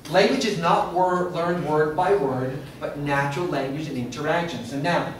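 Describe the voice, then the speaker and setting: In a classroom or lecture room, a middle-aged man presents a workshop, asking the audience questions and keeping the talk interactive. His voice is a little high and moves at a moderate pace, captured from far off in an echoey space with faint noise.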